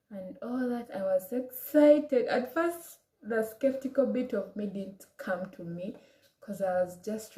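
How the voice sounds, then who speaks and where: A woman's voice: mid-range voice, warm tone, roomy sound, low-quality recording. A young woman with an African accent telling a personal story in a casual vlog, chatty, with many restarts and quoted asides. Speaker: vlogger.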